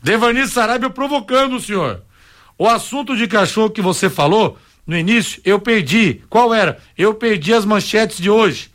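Brief: high-pitched radio co-host, indignant and joking, casual talk. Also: male voice, lively intonation, moderate pace, a bit bright. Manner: indignant, joking, reads listener messages.

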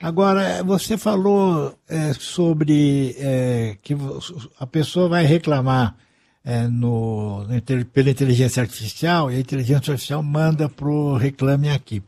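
A man's voice: mid-range voice, unhurried, mellow. A man hosting a radio news show, asking a guest hesitant questions. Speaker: radio host. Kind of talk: radio interview.

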